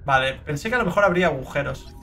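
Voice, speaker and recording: A young man with a Spain Spanish accent doing let's play commentary, excitable and swearing a lot, with sudden shrieking outbursts. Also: a little high, rapid-fire, creaky, faint music behind. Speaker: gaming video creator.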